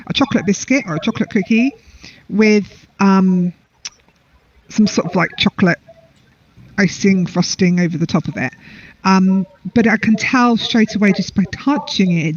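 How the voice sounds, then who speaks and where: Reviewing snacks as co-host of a casual chat, an English woman from England rambles along, chatty and self-deprecating. Her voice sits mid-range, and the recording is dry, with dull lo-fi audio.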